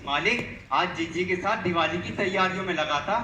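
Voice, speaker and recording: A man's voice: high voice, normal speed, pushed and bright, slight background noise. A man playing a poor, eager young servant boy on stage, chatty and grumbling under his breath. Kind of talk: stage play acting. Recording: echoey stage hall recording.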